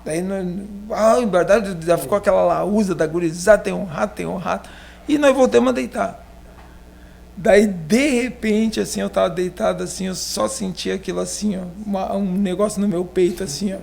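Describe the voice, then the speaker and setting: A man's voice: high-pitched, normal speed, gravelly, darkish tone. A man with a southern Brazilian accent from Rio Grande do Sul, a pastor casually telling a personal story on a podcast in a rambling, filler-heavy way. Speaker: pastor being interviewed.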